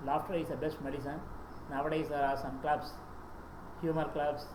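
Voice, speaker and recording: A native Tamil speaker with an Indian English accent gives a lecture presentation, reading out lists in a slightly high voice with flat delivery and a moderate pace. He uses occasional fillers and restarts, and the echoey room carries background noise.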